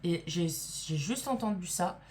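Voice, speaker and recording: A woman's voice: fairly low pitch, expressive, a little slow, darkish tone, a little hiss or hum. A woman vlogger telling a story to camera in a casual way. She is emphatic and indignant, swears freely, and acts out the people she quotes.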